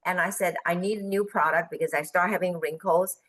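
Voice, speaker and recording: Animated woman telling a business story. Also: lowish voice, fairly quick, poor audio. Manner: animated, quotes people in raised voices, laughs. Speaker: guest speaker on business forum. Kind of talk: storytelling in a video call. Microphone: video call.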